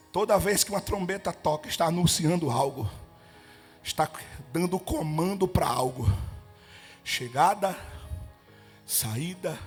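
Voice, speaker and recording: A male evangelist from Brazil with a Pernambuco accent, preaching a Pentecostal sermon at a prayer meeting. He shouts and chants commands and breaks into speaking in tongues. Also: fairly high pitch. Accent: Pernambuco Portuguese.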